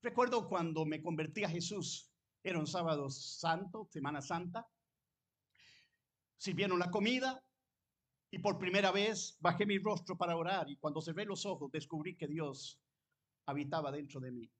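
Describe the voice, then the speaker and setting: A man preaching a sermon, fervent, switching between loud exclamations and quiet personal storytelling. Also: a little high, normal speed. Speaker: pastor.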